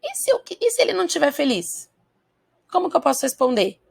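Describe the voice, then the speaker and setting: Gravelly-voiced Brazilian woman teaching English. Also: high voice, sing-song. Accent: Brazilian Portuguese. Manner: patient, checks in often with listeners; slows down to model English phrases. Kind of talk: recorded video lesson.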